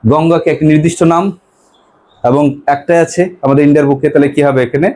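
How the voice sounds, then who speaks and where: A male teacher, taking a grammar class. He asks his pupils questions over and over and repeats their answers back. He reads the English example sentences slowly and carefully. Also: on the high side, steady tone, dark tone. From West Bengal, India.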